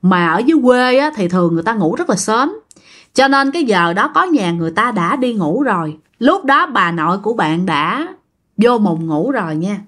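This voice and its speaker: A woman's voice: mid-range voice, animated, normal speed, fairly bright tone. A woman with a Southern Vietnamese accent casually telling a ghost story, chatting directly to her listeners.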